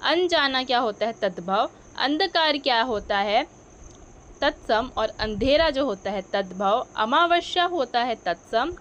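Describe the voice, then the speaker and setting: A woman's voice: a little high, fairly bright tone, a little hiss or hum. A woman teaching a grammar lesson, asking questions and answering them herself, correcting her own slips as she goes.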